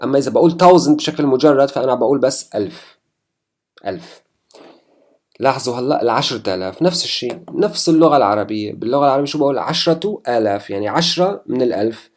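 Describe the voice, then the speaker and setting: A man with a Levantine Arabic accent teaching a language lesson, patiently spelling out numbers slowly, piece by piece. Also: mid-range voice, lively intonation. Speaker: German teacher.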